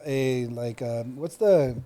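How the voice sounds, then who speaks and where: A man's voice: mid-range voice, takes it slowly, warm tone. A man co-hosting a podcast in casual chat, rambling with many fillers. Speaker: podcast co-host.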